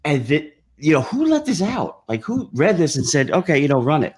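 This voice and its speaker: A man's voice: a little high, big pitch swings, a little fast. A man hosting a comedy podcast, talking in a rambling, opinionated way, swearing freely as he goes. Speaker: podcast host. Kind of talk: casual chat.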